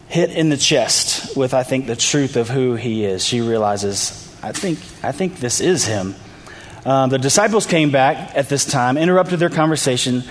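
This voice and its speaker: Guy giving a sermon, chatty storytelling, long echo, a bit of room hiss. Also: mid-range voice. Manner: conversational storytelling, acts out quoted voices. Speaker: pastor. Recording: reverberant hall, faint ambience.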